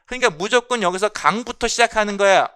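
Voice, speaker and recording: Talking fast, a male English linguistics lecturer walks an exam-prep class through phonology, his pitch darting animatedly. The bright, crisp voice stays lively throughout, circling back to key points and answering questions he raises himself.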